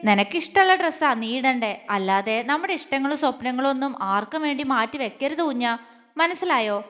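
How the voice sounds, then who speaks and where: A woman voicing a doting older man who speaks softly and coaxingly to his young wife, with a long reverb on the voice. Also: high-pitched, expressive, brisk. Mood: tender. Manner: soft, coaxing, affectionate.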